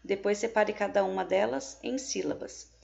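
A woman's voice: mid-range voice, normal speed, vocal fry, darkish tone, highs cut off. A woman with a Brazilian Portuguese accent, teaching a remote lesson to young pupils and explaining each step patiently, with frequent checks. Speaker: primary school teacher.

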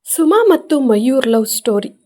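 A woman's voice: sits high, lively intonation, moderate pace, darkish tone. A woman hosting her channel, narrating a college love story and reading all the characters' lines.

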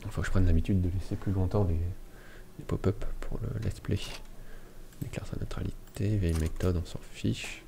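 Hosting a let's play of a strategy game, a man mumbles casual commentary to himself, packed with fillers like "ok" and "euh." His low, gravelly voice moves at normal speed with fairly even intonation, and there's background noise.

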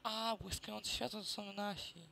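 A man's voice: high voice, fairly even intonation, moderate pace, creaky, noisy background. A man giving muttered, sarcastic let's play commentary as he plays a shooter. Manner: muttering, sarcastic remarks to viewers.

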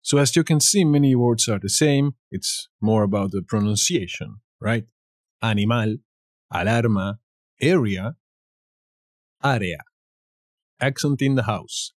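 Spanish man with a Castilian accent, language teacher, very slow deliberate delivery, dry close sound. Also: fairly low pitch, dry recording. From Spain. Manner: slow, deliberate word repetition with jokey asides. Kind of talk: playful vocabulary lesson.

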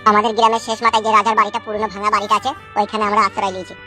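A woman voicing a young village man, brisk and earnest in a comedy skit. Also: medium pitch, level tone, sharp tone, soft background music, voice pushed down, close to an everyday voice. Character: young village man, vengeful yet doting husband.

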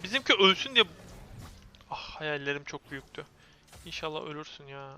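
A young man streaming a game, commentating live in an excitable way and ranting at and taunting his opponents. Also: fairly high pitch, moderate pace, a little hiss or hum.

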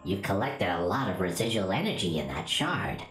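A woman voicing a calm, wise computer AI guide, reading its lines low and measured. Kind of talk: reading game dialogue aloud. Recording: echoey room, loud game music.

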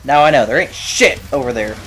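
A man casually commentating his own shooter playthrough, animated and swearing, cracking jokes. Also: mid-range voice, brisk, a little hiss or hum. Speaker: gamer playing through a shooter.

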